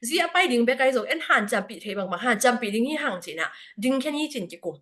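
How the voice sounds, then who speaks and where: A woman's voice: on the high side, animated, fast, a bit bright. A woman speaking at a church prayer fellowship service, giving a spoken report to the congregation with frequent hesitation fillers.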